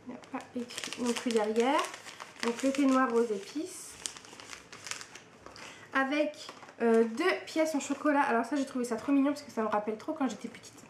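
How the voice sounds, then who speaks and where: A woman's voice: high voice, normal speed. A young woman chatting casually through an unboxing, hesitant and full of fillers. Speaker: book and tea vlogger. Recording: echoey room with faint hiss.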